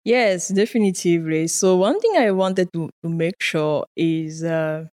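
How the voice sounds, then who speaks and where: A little slow and lowish in pitch, with a darkish tone, this earnest woman speaks as a guest research scientist in a conversational interview. She comes from Cameroon, grew up speaking French, and recounts stories with sporadic laughs and repeated words.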